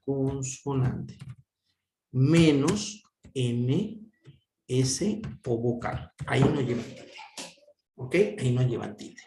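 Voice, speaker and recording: A man's voice: mid-range voice, slow pace, long pauses, warm tone, slight background noise. A man teaching a classroom grammar lesson, stretching syllables and asking and answering his own questions. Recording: echoey room.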